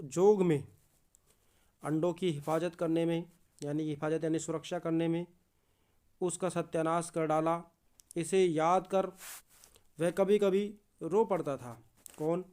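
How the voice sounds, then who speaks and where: Teacher guy reading a story slow, keeps quizzing the class, smooth clear voice. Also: on the high side, steady tone, dark tone. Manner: repeats key words as quiz questions to students. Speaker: Hindi teacher. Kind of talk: reading and explaining a textbook story.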